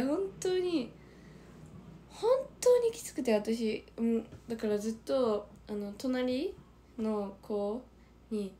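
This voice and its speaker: A woman with a Kansai accent and a hoarse, strained throat, chatting casually on a livestream and reading out viewer comments, often dropping into a breathy whisper. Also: fairly high pitch, warm tone, a little hiss or hum. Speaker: idol livestreamer.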